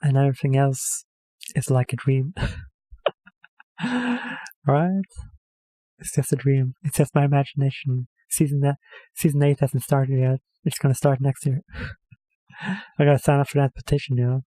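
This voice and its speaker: Unhurried and pausing often, this mellow-voiced man from Norway, a native Norwegian speaker, offers casual, rambling commentary as a reaction video host. He's medium-pitched and hesitant, correcting himself amid many fillers, on a rough recording with no echo.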